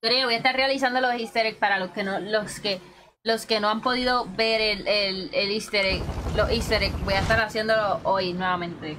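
A woman's voice: mid-range voice, steady tone, moderate pace, background noise. A woman, chatting and teasing her teammates and viewers while streaming a game. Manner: chatty and teasing, calls viewers "corillo" and "bebesote". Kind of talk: casual gaming livestream chat.

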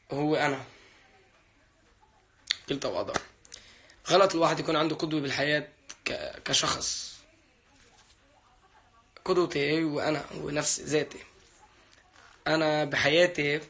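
A man's voice: on the high side, bright, forceful tone. A young man hosting a casual livestream, chatty and playful as he reads out and thanks his fans. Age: young adult. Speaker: livestream host answering viewer comments. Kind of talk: casual live chat.

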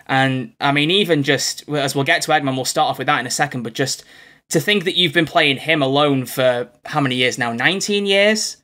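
Speaking from a little home room on a video call, a young podcast host chats with his guest, effusive and wandering off on tangents. His voice pitches fairly high, with a sharp edge, and his pace runs fairly quick.

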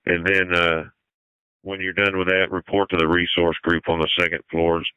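A man's voice: low voice, level tone, moderate pace, sharp tone, clean tone, no room sound. A man giving terse orders as a fire incident commander over a two-way radio. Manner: terse, directive. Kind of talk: firefighter radio dispatching. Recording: dull, band-limited fire radio channel.

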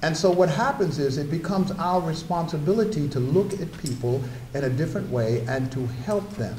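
This time the older guest lecturer's voice sits fairly high, with a darkish tone and normal speed. He tells personal anecdotes into a podium microphone at a wooden podium, adding asides for his audience, in a roomy room with a little hiss or hum.

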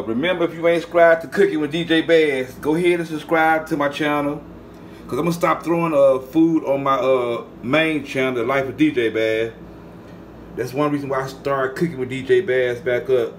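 Here's a cooking vlog narrated by a man from the Southern United States, talking easily to viewers he calls "y'all" as he cooks at home. His mid-range voice moves a little fast, and a faint hiss or hum sits under the recording.

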